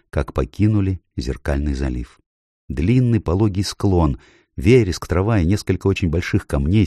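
Deep mellow guy reading an audiobook, measured and expressive, dry close mic. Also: no echo. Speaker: audiobook narrator. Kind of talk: scripted audiobook narration.

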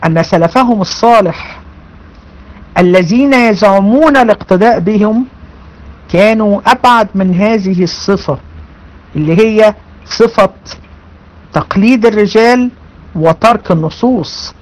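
A woman's voice: mid-range voice, measured pace, pauses often, darkish tone, poor audio. A woman with an Egyptian accent giving an online religious lesson, speaking emphatically, repeating her phrases and addressing her students directly. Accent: Egyptian Arabic. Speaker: religion teacher.

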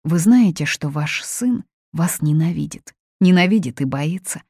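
A cold, fearless young woman, voiced by a woman narrator in a story reading. The voice sits low and slightly gravelly, hard and cutting. It is recorded dry and close. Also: lively intonation, measured pace, warm tone, dry recording, heavily acted. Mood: cold, firm. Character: blunt, fearless young woman confronting a family.

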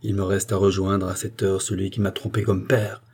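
A man voicing an angry, vengeful guardsman who recounts his ride with fierce conviction, in a husky voice. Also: low voice, little pitch movement, normal speed, darkish tone. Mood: determined. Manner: fierce, vehement storytelling.

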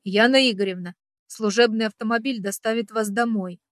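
A woman voicing a composed ex-husband who speaks very calmly and soothingly in an audiobook. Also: a little high, dry recording, studio quality, close to an everyday voice. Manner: deliberately calm, soothing. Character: calm ex-husband, composed man.

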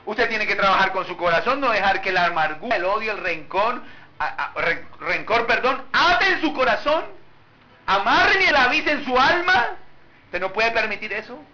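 Male pastor, sermon, high lively pitch, rhetorical questions, dull recording with faint noise. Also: normal speed. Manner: animated preaching, rhetorical questions to the congregation.

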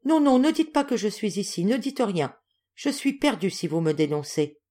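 A man's voice: high-pitched, animated, moderate pace, mellow, voice pushed up. A woman reading aloud as a starving, exhausted man who pleads in a weak, faltering voice. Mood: pleading. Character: starving exhausted stranger, a lost prince.

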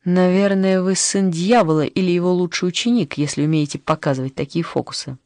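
A reader putting on a frightened yet defiant young woman from an audiobook, her questions sharp and accusing. The mid-pitched voice is dry, with no room sound. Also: steady tone, brisk, dry recording, close to an everyday voice.

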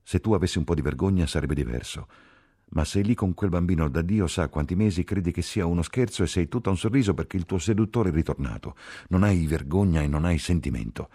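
A man's voice: very deep voice, lively intonation, fairly quick, a little mellow, husky, dry recording, clean studio sound, exaggerated voice. A man voicing a distraught, reproachful woman nurse in an audiobook reading. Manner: reproachful, tearful outbursts.

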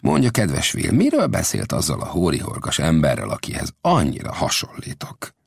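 A man voicing a calm, self-assured old male frontier scout in an audiobook, with mocking ease. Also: deep voice, creaky, slightly rough, no room sound, exaggerated voice. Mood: calm wry. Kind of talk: audiobook character voice.

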